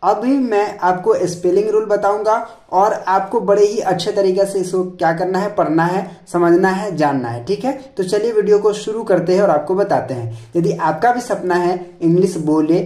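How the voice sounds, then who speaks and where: A man's voice: high voice, moderate pace, few pauses, mellow. A man teaching English spelling in a video lesson. He spells words out letter by letter, asks each answer back as a question, and keeps adding a filler tag to check in. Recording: roomy echo.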